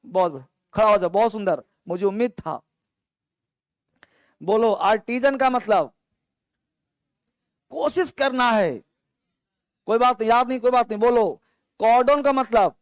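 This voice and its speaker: Slow, high-voiced male vocabulary teacher. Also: no echo. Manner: repeats each word slowly, then gives its meaning; quizzes students, calling on them to stand. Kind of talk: vocabulary drill in class. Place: classroom with an online stream.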